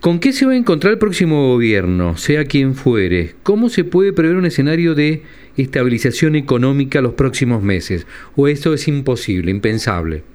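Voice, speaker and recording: An Argentine man interviewing a guest, asking lively questions. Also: mid-range voice, moderate pace, smooth. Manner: lively questioning with brief backchannel.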